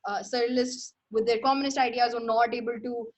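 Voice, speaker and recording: A young woman with an Indian English accent hosts a casual livestream about art history, speaking briskly in a slightly high voice with little pitch movement. She rambles, corrects herself, and laughs often.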